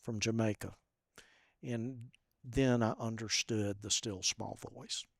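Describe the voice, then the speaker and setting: Brief: male guest, gentle halting storyteller, close dry sound. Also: lowish voice, steady tone, creaky, no echo. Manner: soft-spoken and halting, with many fillers. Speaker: podcast guest. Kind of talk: personal storytelling.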